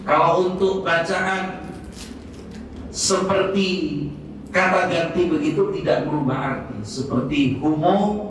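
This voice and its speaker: A man teaching as a religious instructor, answering questions and reciting Arabic phrases with a melody. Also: fairly high pitch. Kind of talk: Islamic study talk, Q&A. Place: hospital hall. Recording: echoey hall, distant mic, faint noise.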